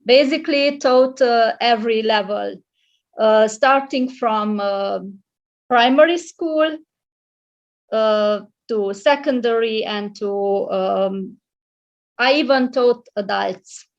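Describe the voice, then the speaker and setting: Guesting in a laid-back video-call interview, a middle-aged librarian and English tutor from Romania talks slowly in a slightly high voice. Hungarian is her first language, and her speech is hesitant, full of fillers and restarts. Muffled, lo-fi audio.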